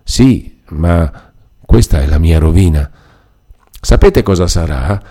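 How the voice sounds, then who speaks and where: A man's voice: sits low, expressive, slow pace, warm tone, full character voice. A man reading aloud and voicing a distressed middle-aged peasant mother who pleads anxiously, close to tears.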